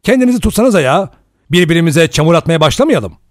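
A man reading an audiobook and voicing a sharp, sardonic male adventurer with quick, mocking retorts, pitching his voice above his own. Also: big pitch swings, dry recording, clean studio sound. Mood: angry.

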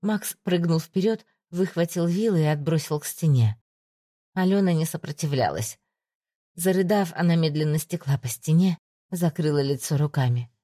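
A woman reading an audiobook as narrator in a measured, even manner. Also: low voice. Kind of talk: scripted narration.

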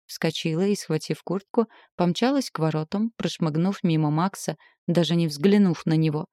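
A woman's voice: deep voice, normal speed, warm tone, dry recording, studio quality. A woman reading a novel aloud in the first person, with emotional, dramatic delivery. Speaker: audiobook narrator. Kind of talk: scripted first-person narration.

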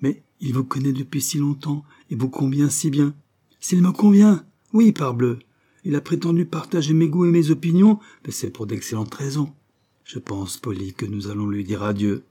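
A man's voice: medium pitch, normal speed, warm tone, slightly rough, close to an everyday voice. A man reading an audiobook, voicing a proud, stern older father who blusters emphatically. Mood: blustering.

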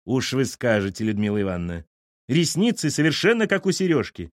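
A man's voice: mid-range voice, big pitch swings, fairly quick, no room sound, clean studio sound, natural voice. A man voicing a proud, defensive mother-in-law who insists indignantly in an audiobook. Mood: insistent.

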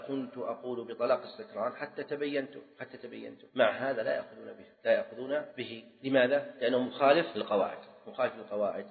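Man, jurisprudence teacher, fast delivery, repeats phrases, quizzes students, phone-like sound. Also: mid-range voice. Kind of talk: classroom lecture. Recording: tinny lo-fi recording in a reverberant hall.

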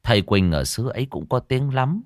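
A man narrating a scripted horror story with dramatic, animated delivery. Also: mid-range voice, moderate pace, no echo, clean studio sound.

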